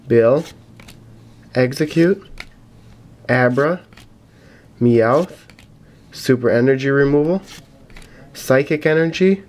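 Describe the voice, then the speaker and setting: Opening trading card packs at a home table for his YouTube channel, a young man recovering from a cold gives plain, casual commentary. His voice is mid-range, darkish, and slightly raspy. Picked up by a camera mic about arm's length away, the noisy room carries crinkling packs, clicks, and faint noise.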